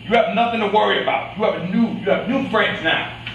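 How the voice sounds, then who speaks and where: In an amateur staged reading, a man plays a scheming fight fixer, bossy and condescending with a veiled menace, his manner wheedling yet threatening. His voice sits high and fairly bright and moves a little fast. The lo-fi recording sounds distant, as if captured in an echoey indoor room with faint noise.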